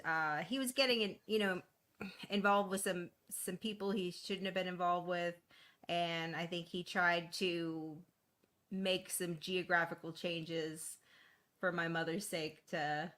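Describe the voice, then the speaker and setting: Woman guest, lowish voice, open and chatty, casual interview. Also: sharp tone. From East Boston, Massachusetts. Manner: candid and chatty, frequent fillers and laughs.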